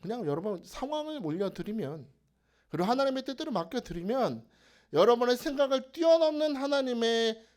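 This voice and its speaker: Fervent high-voiced male preacher. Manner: fervent, swings between quiet asides and shouted prayer cries. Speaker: pastor. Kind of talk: sermon. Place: prayer house worship service.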